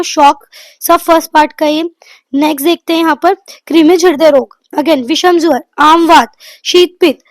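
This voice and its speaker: A woman giving a quick exam revision lecture, running through lists of topics and mixing in English terms. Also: high-pitched, no room sound. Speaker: exam prep tutor.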